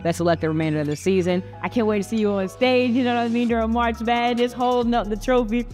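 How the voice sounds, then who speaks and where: A woman's voice: a little high, fast talker, darkish tone, soft background music. Woman, young adult, interview host, upbeat, chatty, slangy, talks at a dinner table. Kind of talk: casual interview chat.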